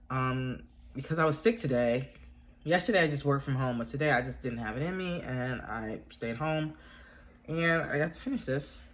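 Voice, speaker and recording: Her voice is a rumbling low with a little hiss or hum in the background. Stuffed up from a cold, this yarn crafting vlogger talks casually about crochet to her viewers from inside her home, rambling, using plenty of fillers and restarting often.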